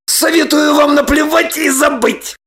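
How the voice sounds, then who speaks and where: A woman reading an audiobook, voicing a hot-tempered man who shouts with slow, drawn-out emphasis. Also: sits high, fairly even intonation, vocal fry, voice pushed up, heavily acted. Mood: scornful. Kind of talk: audiobook character voice.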